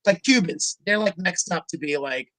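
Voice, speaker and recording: A man's voice: sits high, expressive, moderate pace, sharp tone, a little hiss or hum. A man co-hosting a casual comedy talk show, rambling with lots of fillers and restarts. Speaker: comedy podcast co-host. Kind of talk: casual chat.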